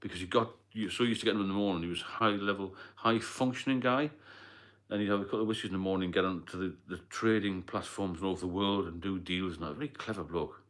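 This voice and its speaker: A man's voice: sits low, fast talker, fairly bright tone. A man hosting a casual livestream, plain-spoken and rambling, answering viewer comments as he goes. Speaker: livestream host. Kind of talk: casual live-stream chat.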